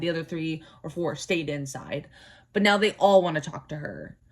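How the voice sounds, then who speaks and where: A young woman who sounds sick, telling a profane, animated storytime vlog. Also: mid-range voice. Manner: animated, profane, dramatic retelling. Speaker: vlogger.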